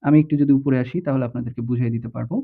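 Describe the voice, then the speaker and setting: A man's voice: medium pitch, fairly even intonation, rapid-fire, vocal fry. Bangladeshi man teaching over a tinny line. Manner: explains step by step, checks often with the listener. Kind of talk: screen-recorded tutorial lesson. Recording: tinny, phone-like audio.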